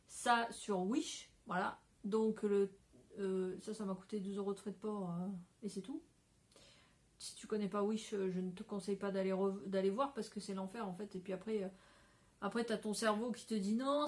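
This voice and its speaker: A woman hosting a casual craft vlog, chatty and rambling, often breaking into laughter, talking to a phone camera indoors at home. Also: medium pitch. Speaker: craft podcaster.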